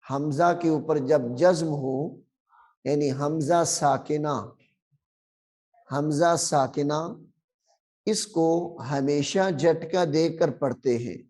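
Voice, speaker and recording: A man from Pakistan teaching Quran reading, drawing out words slowly and repeating them, then explaining the rules briskly. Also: a little high, darkish tone. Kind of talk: recitation lesson.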